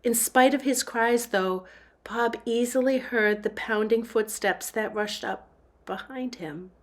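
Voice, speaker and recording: A woman giving a dramatic, suspenseful reading of a horror novel in a hushed voice that sometimes drops to a whisper. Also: on the high side, unhurried. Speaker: book reader.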